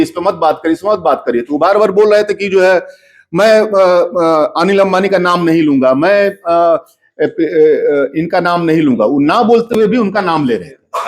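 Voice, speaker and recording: A man speaking at a public panel discussion, talking at length with many pauses and fillers. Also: high-pitched, a little mellow. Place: public hall in the city.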